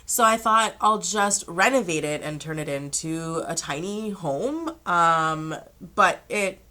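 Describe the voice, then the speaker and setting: Bright-voiced young woman, sick and chatty. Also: lowish voice, expressive, slow pace. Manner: chatty, rambling, self-amused. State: sick, throat-clearing. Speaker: vlogger. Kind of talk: casual chat.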